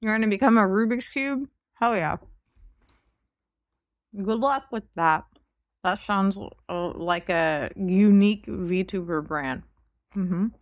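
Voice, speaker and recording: A woman's voice: medium pitch, slow, long pauses, no echo. Casual woman livestreamer with a dry, close sound. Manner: relaxed, informal, swears casually. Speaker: livestreamer and VTuber.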